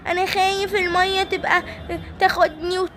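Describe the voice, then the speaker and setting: A woman's voice: very high voice, animated, racing, a bit bright, a little hiss or hum, pitched above the performer's own voice. Simba, a scared lion cub, as a woman puts him on. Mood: frightened. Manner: whiny, frightened, pleading. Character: small frightened male lion cub toy.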